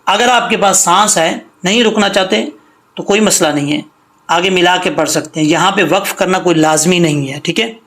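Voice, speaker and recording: A man's voice: high voice, normal speed, a bit bright. A man teaching Quran recitation, patiently sounding out words letter by letter and pointing out common mistakes. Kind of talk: slow teaching with drawn-out recitation.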